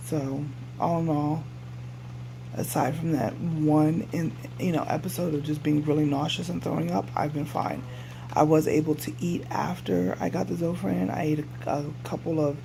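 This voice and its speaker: A man giving a casual, rambling video update as a patient, sounding subdued, halting and weary after surgery. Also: fairly high pitch, creaky. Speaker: patient vlogger. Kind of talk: casual personal update to camera. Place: hospital room. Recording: noisy room recording with hum.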